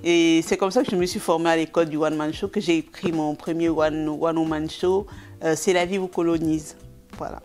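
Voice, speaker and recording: Woman comedian telling an animated anecdote. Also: low-pitched, normal speed, faint music behind. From Cameroon. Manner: lively, acts out dialogue, laughs often. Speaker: stand-up comedian, interview guest. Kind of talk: relaxed anecdotal storytelling.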